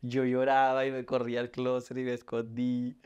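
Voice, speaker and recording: A man's voice: medium pitch, monotone, a little mellow, smooth, dull audio. Young mexican guy on a podcast, emotional life story, stops and restarts a lot, heartfelt. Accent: Mexican Spanish. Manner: heartfelt, halting, with many restarts. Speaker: podcast host telling his life story.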